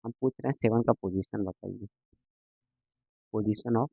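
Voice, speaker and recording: A man's voice: lowish voice, brisk, vocal fry, breathy edge, no echo. Patient male maths teacher, lo-fi. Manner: patient, repetitive, keeps checking students understand. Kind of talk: classroom lecture. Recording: dull lo-fi sound, dry.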